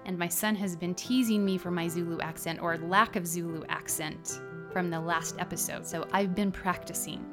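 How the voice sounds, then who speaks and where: A woman narrating her own memoir in a scripted audiobook style, with measured, expressive literary phrasing. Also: on the low side, music in the background.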